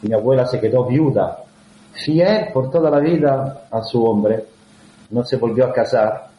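Italian-accented man, halting and roomy. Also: mid-range voice, a little hiss or hum. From Italy. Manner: halting, with frequent fillers and restarts. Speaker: guest, actor. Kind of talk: conversational interview. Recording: roomy, dull lo-fi sound.

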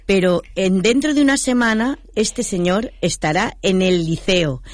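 A woman's voice: medium pitch, a little slow, no echo. Radio co-host lady, dry close sound, chimes in with details. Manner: brief interjections, repeats details. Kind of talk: local radio chat.

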